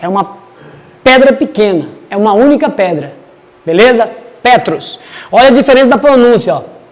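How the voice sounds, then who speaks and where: A man's voice: high voice, expressive, brisk, in a large hall. A man teaching a casual Bible study, chatty and digressive as he reads verses aloud.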